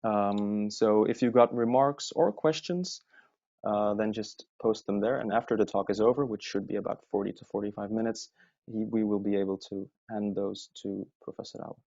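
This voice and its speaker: A man's voice: on the low side, steady tone, moderate pace, vocal fry, darkish tone, no room sound. A man moderating a webinar, introducing the organization and the speaker in a friendly, loose way with many fillers. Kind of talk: event introduction. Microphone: computer mic on a webinar call. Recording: dry, dull webinar audio.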